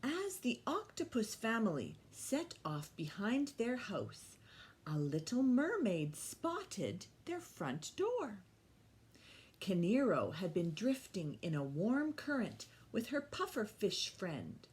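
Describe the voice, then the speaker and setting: In a sing-song, slow-paced delivery, her mid-range voice carries a darkish tone. The woman runs a storytime for small children, talking with them through short phrases and simple questions and reading a picture book aloud expressively.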